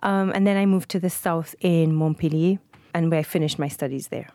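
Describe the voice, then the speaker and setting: A woman, answering interview questions in a relaxed, chatty way with many fillers. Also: deep voice, a little fast, no room sound. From Trinidad. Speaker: guest.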